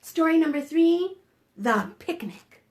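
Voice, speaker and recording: Her voice is extremely high-pitched, animated, and a little mellow as this children's librarian slowly reads aloud at a preschool storytime, nudging her young audience with questions.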